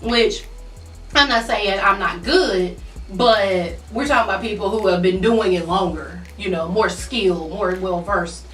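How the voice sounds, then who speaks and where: A woman's voice: medium pitch, unhurried, a bit bright. A woman in casual conversation, chewing while talking. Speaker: mukbang co-host. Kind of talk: casual chat. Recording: echoey room, distant mic, faint music.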